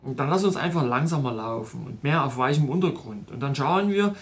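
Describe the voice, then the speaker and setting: A man voicing a calm, resolute male travel companion who gives firm, practical advice in a storytelling podcast. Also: medium pitch, fairly quick, natural voice.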